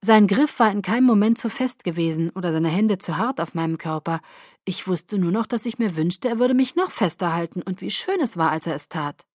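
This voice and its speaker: A woman reading a first-person novel aloud as an audiobook narrator, soft and intimate. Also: on the low side, animated, brisk, no room sound. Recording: dry close studio sound.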